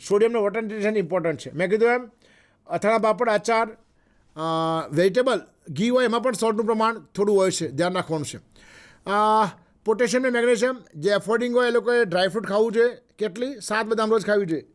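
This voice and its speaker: A man with a Gujarati accent delivers a health lecture in a high, light voice. He speaks unhurriedly and repeats his points. He pauses often and fills the gaps with short sounds. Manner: unhurried, repetitive, with frequent pauses and fillers. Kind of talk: health talk mixing Gujarati and English.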